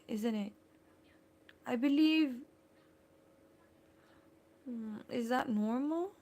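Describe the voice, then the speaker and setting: Slow, gravelly Filipino woman chatting live. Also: fairly high pitch, darkish tone. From Philippines. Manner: chatty, greets and thanks viewers by name, many fillers. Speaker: vlogger hosting a live stream. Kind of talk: casual live-stream chat.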